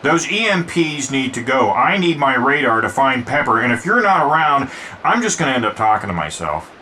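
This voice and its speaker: An actor playing a determined, blunt armored superhero in a video game, giving terse commands. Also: male voice, medium pitch, big pitch swings, brisk, noisy background, close to an everyday voice. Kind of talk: video game cutscene acting.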